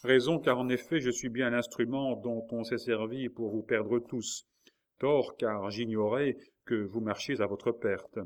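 A man's voice: mid-range voice, steady tone, measured pace, lightly acted. A man voicing a dignified, passionate young queen who speaks with urgency. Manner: breathless, passionate.

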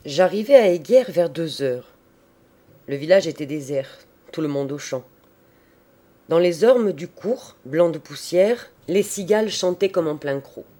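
A man narrating a literary story in a measured, expressive audiobook style. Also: a little high.

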